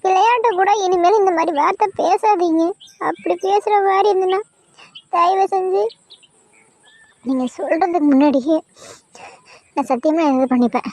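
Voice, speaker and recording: A woman's voice: very high-pitched, normal speed, long pauses, darkish tone. A woman voicing Madhu, a grieving young wife who cries and pleads with her husband. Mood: pleading. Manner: pleading, distraught. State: crying. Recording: dull lo-fi sound.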